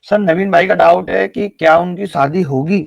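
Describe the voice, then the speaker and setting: Gravelly Hindi-speaking math teacher. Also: male voice, high voice, normal speed, dry recording, dull audio. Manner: explains step by step, teases students with jokes. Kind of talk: live online math class.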